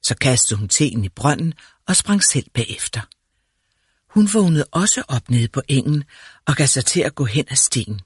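A man narrating a fairy tale in a calm, measured storytelling manner. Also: medium pitch, slightly rough, no room sound, studio quality.

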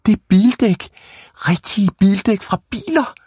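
An eager, mischievous young boy from a storybook, put on by a man reading aloud. The voice is pitched up, soft and a bit husky, with a dry, close sound. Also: no room sound.

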